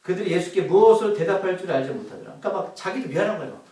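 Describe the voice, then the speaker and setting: A man's voice: high voice, animated, very fast, dark tone. A man preaching a sermon as pastor, asking the congregation questions as he goes. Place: church hall. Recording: echoey hall, voice from far off.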